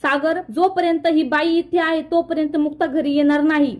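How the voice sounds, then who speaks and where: A woman's voice: high-pitched, fairly even intonation, normal speed, lightly acted. Woman reading a stern, blunt middle-aged mother.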